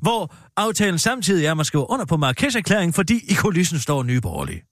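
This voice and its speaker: A man co-hosting a comedy show, rambling about politics in a mock-pompous, animated way. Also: fairly high pitch, no room sound, clean studio sound. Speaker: satirical co-host.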